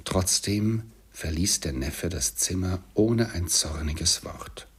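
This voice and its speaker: Guy narrating an old story, deep low voice, super breathy, measured and steady. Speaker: audiobook narrator. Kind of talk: scripted narration.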